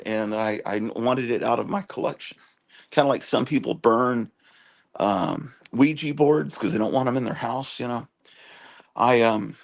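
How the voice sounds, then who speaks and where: A man in his late fifties with a gravelly, husky voice, chatting casually on a livestream. He reads viewers' messages aloud, drifts between stories, trails off and picks up again, and is quick to poke fun at himself. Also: medium pitch. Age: 50s. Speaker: comic collecting livestream host.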